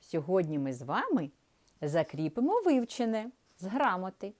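A woman teaching young children to read, speaking slowly and drawing out each sound in a sing-song way. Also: medium pitch, huge pitch swings, darkish tone. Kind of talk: primary school literacy lesson.

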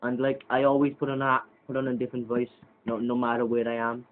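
A man's voice: medium pitch, little pitch movement, quick pace. A man bantering and teasing during casual gameplay commentary, often stumbling over his words. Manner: teasing, bickering, stammering. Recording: lo-fi, phone-like sound.

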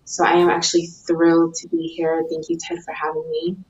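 A woman from Massachusetts, a life coach, introducing herself on a video call in an upbeat, deliberate way. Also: low-pitched, completely flat delivery, a little mellow. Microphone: video call webcam. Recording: roomy, distant, dull webcam sound.

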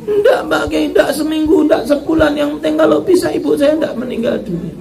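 Man doing a sobbing young daughter-in-law, high and gravelly. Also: brisk, a little mellow, slight background noise. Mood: insistent. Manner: begging, high-pitched and sobbing. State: crying. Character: tearful pleading young woman, daughter-in-law.

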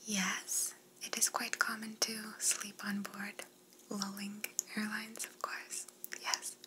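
Slow whispered role-play, courteous flight attendant acted by a woman. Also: mid-range voice, little pitch movement, lightly acted, low-quality recording. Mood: courteous, soothing. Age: young adult. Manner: attentive, polite flight attendant service talk. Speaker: ASMR performer playing a flight attendant.

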